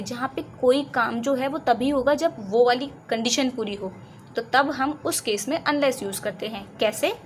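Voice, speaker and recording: Indian woman teacher going over grammar, voice on the high side, faint hiss behind her. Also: poor audio. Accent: Indian English. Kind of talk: explaining lesson in Hindi with English examples.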